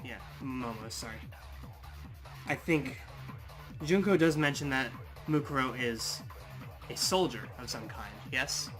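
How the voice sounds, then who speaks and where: A man with a mid-range voice plays in an online role-play, reasoning out loud in a loose, casual way and swearing freely. Music plays clearly behind him. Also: mid-range voice, a little slow, long pauses. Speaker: player.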